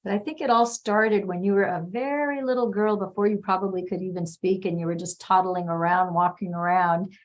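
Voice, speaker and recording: A woman's voice: medium pitch, steady tone, a little fast, few pauses. A woman hosting a live online interview, chatty and upbeat. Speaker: host. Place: home in California.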